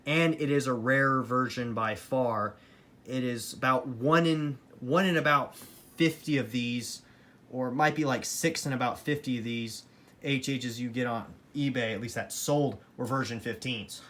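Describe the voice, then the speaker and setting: A hobbyist collector shows off his weather radios in a casual, rambling product review, matter-of-fact and opinionated. His voice is medium-pitched and a bit bright, at a normal speed.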